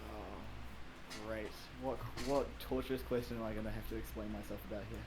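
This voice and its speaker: A man's voice: fairly low pitch, steady tone, moderate pace, darkish tone. A man, a guest player on an esports podcast, talking in a rambling, self-conscious way. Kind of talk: casual esports podcast chat.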